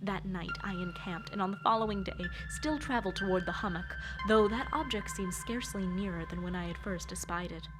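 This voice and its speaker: A woman's voice: medium pitch, a little fast, hardly any pauses, lightly acted, low-quality recording. A woman playing an awestruck, dread-filled explorer recounting a horror in a theatrical, literary audio drama, over an ambient score. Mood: weary, solemn. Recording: loud ambient music underneath. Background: ambient musical score.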